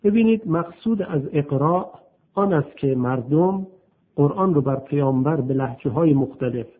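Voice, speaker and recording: A man with a fairly high, husky voice delivers a patient, explanatory religious lecture and keeps pausing to put rhetorical questions to his listeners. The sound is thin and phone-like, as on an old radio broadcast. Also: animated. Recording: tinny, phone-like radio recording.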